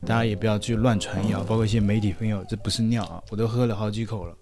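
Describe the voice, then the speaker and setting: A man's voice: lowish voice, steady tone, racing, darkish tone. A young man from mainland China who speaks Mandarin with a Taiwanese accent, sarcastically reading out and mocking hostile viewer comments. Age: young adult. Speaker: YouTuber guest.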